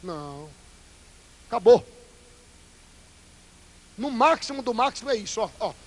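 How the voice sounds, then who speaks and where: A male Pentecostal pastor, preaching a fiery, theatrical sermon that swings between loud bursts and hushed asides. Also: high voice, sing-song, measured pace, poor audio. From Brazil.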